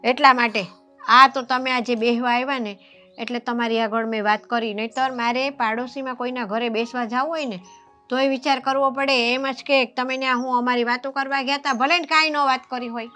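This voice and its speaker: A woman's voice: high voice, steady tone, fairly quick, sharp tone, soft background music. A woman playing an elderly mother-in-law troubled by her daughters-in-law, talking in plain rustic village speech and confiding her troubles. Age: older. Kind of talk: Gujarati family drama acting.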